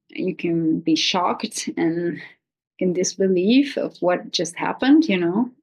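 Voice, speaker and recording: A woman with a fairly low voice and plenty of vocal fry hosts an informal video. She speaks unscripted in a gently consoling way, often hesitating and letting thoughts trail as she searches for words. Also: poor audio. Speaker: video host giving pet-loss advice. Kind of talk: informal, unscripted talk to viewers.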